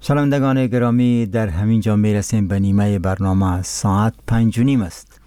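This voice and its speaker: A man's voice: fairly low pitch, fairly even intonation, dark tone, clean tone, no echo. A man with an Afghan accent presenting on radio in a solemn, formal announcing style. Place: dry radio studio.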